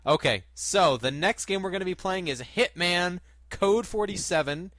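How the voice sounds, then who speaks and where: A man hosts a casual gaming podcast with a bright, forward voice at an ordinary male pitch. The sound is dry and close, with no room around it. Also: animated, moderate pace, no room sound. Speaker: podcast host.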